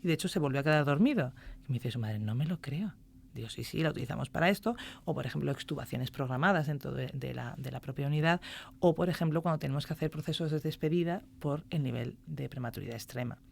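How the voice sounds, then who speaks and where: A woman's voice: deep voice, fast, gravelly, darkish tone, slightly rough. A woman, a music therapist chatting as a podcast guest, telling stories and acting out quoted dialogue. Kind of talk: casual podcast interview.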